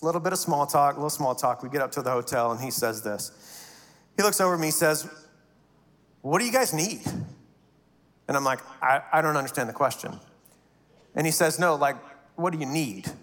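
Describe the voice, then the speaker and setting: A man's voice: mid-range voice, fairly bright tone. A middle-aged male pastor telling a story in his sermon, acting out the voices of the people in it. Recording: reverberant hall.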